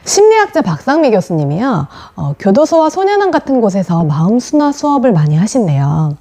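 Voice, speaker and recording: A woman giving a devotional as a pastor's wife, with a mellow, darker tone. Her pitch moves a lot as she retells stories in a gentle, earnest way. She sounds expressive and sincere throughout. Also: brisk.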